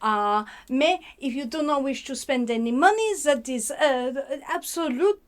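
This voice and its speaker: A woman hosting a casual book review vlog, slipping words into her talk and pausing often on fillers. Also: sits high, lively intonation. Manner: sprinkles French words, halting with many fillers.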